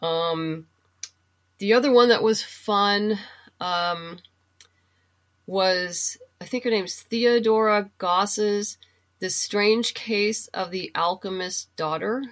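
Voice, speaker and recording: A woman who writes comic books and novels is a guest in a relaxed conversation about books. Her mid-range voice moves slowly as she explains things and thinks out loud.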